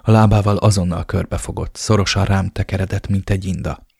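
A man narrating a romance novel in the first person with a low, brooding, even delivery. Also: vocal fry, husky, dry recording, studio quality. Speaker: audiobook narrator.

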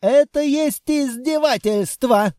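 A man's voice: very high-pitched, slow, dark tone, no echo, studio quality, pitched above the performer's own voice. A man voicing a pompous, fat foreign villain who sputters indignantly in broken speech. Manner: shrieking, sputtering, broken grammar.

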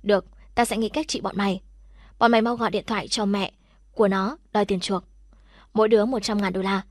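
A woman's voice: mid-range voice, steady tone, brisk, dry recording, studio quality, natural voice. A woman narrator voicing a hot-tempered gang boss barking threats. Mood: threatening.

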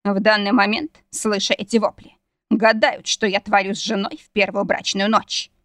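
A woman's voice: medium pitch, level tone, moderate pace, fairly bright tone, no echo, clean studio sound, close to an everyday voice. A woman voicing a growling demon husband. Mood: mocking. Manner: growling, husky. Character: hot-tempered male demon husband. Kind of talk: audiobook character reading.

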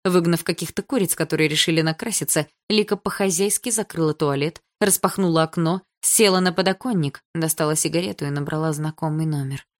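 A woman reading a first-person novel aloud in an even, measured storytelling manner. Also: deep voice. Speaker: audiobook narrator.

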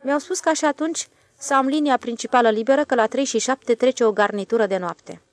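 O femeie jucând un șef de gară tărăgănat. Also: female voice, on the high side, no room sound, pitched above the performer's own voice, natural voice. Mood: drawling. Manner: drawling, knowing. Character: older male station master, calm, self-satisfied. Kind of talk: audiobook character voice.

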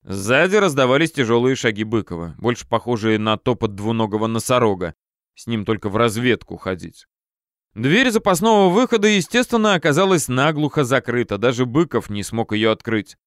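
A man reads a first-person audiobook in a medium voice. His storytelling is lively and peppered with slang. The recording is dry and close-miked. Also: mid-range voice, a little fast, no room sound. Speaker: narrator. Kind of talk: audiobook narration.

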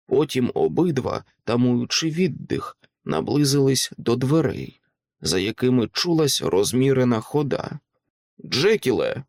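Guy reading an audiobook, dramatic, mid pitch, dry close mic. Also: a little mellow, no room sound. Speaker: audiobook narrator. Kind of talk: scripted literary narration.

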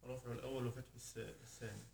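A man's voice: mid-range voice, level tone, very fast, creaky, darkish tone. A male student in a grammar class, briefly answering the teacher and repeating the drilled phrase.

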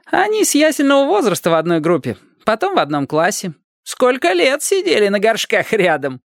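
A reader voicing a cheeky young boy who teases his friends in a squeaky, mocking voice in a storybook reading. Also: wildly swooping pitch, a little fast, vocal fry, no room sound, clean studio sound. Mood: teasing. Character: cheeky mischievous young boy, teasing prankster.

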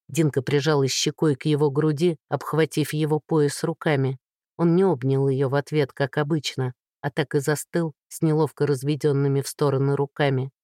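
A woman narrating an audiobook, reading at a slow, measured pace. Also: low-pitched, a little mellow, dry recording, clean studio sound. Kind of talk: scripted narration.

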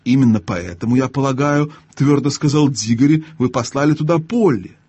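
A man voicing a blunt, indignant young boy in a storybook reading, with a husky voice. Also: mid-range voice, animated, moderate pace, darkish tone, no room sound.

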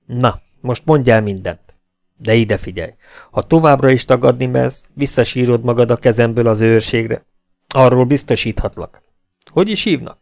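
A man's voice: mid-range voice, gravelly, darkish tone, close to an everyday voice. A man reading an audiobook, voicing a weary, hot-tempered legion captain who threatens and coaxes a prisoner. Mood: menacing. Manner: threatening, then coaxing and falsely friendly.

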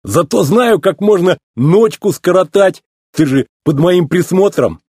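A man's voice: high-pitched, expressive, measured pace, warm tone, breathy edge, no room sound, clean studio sound, pitched above the performer's own voice, heavily acted. A man voicing a rusty, chatty male tow truck who talks in a rustic, ungrammatical way. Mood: boastful folksy. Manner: rustic, ungrammatical folksy talk.

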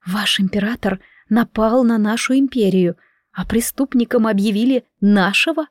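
Woman narrator doing an anguished young heroine, audiobook, bitter, slow and emotional. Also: a little high, darkish tone, no room sound, studio quality, close to an everyday voice. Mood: whispered disbelief. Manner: bitter, pleading, breaking into cries. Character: young woman prisoner, wounded, desperate and furious. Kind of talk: audiobook character voice.

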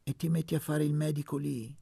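A man reading plays a shy young student from the countryside who speaks quietly and timidly. The voice is husky with a gravelly texture, close and dry. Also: fairly high pitch, fairly even intonation, fairly quick, dry recording, voice pushed up, exaggerated voice. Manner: timid, soft-spoken.

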